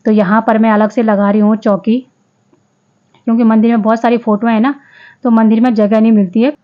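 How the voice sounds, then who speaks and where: A woman's voice: a little high, flat delivery, fairly quick. Chatty woman on a dull lo-fi voice-over. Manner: chatty, with frequent restarts and self-corrections. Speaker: vlogger. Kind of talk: casual vlog voice-over.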